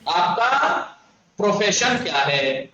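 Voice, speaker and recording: A man teaching an online language class, drilling words slowly for students to repeat. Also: high-pitched, big pitch swings, noisy background. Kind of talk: online Persian lesson. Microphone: online class call. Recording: echoey, distant, lo-fi online call.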